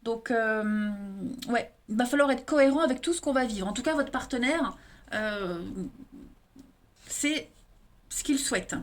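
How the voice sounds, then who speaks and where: Pausing often and speaking a little slowly, a woman in a fairly high voice presents a monthly tarot reading. Her accent is from eastern France, she talks directly to viewers, and "hein" caps many of her sentences.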